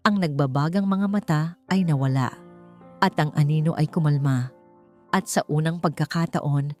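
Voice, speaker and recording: A Filipino woman narrates an audiobook in a lower register, delivering a dramatic scripted story in a measured, suspenseful way while soft music plays underneath.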